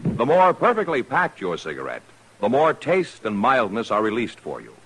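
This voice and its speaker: A man's voice: medium pitch, wildly swooping pitch, normal speed, a bit bright, slightly rough, low-quality recording. An American man working as a commercial announcer, giving a polished, emphatic 1950s radio advertising read.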